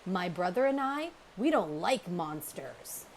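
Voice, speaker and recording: A woman voicing a bossy young female bear in a storybook reading, with a sarcastic, loud delivery. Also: fairly low pitch, sing-song, measured pace, a little hiss or hum. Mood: menacing.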